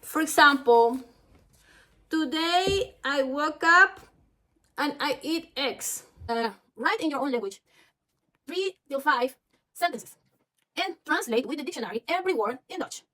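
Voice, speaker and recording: Animated and high-pitched, her voice pushed and bright, an Ecuadorian language teacher instructs her listeners. She has a Latin American Spanish accent as a native speaker, breaking her speech into careful, halting phrases.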